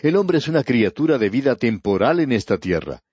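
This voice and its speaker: Slow, husky-voiced male radio Bible teacher. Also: medium pitch, sing-song, darkish tone, no room sound, highs cut off. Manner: reads scripture slowly and deliberately; addresses the listener directly.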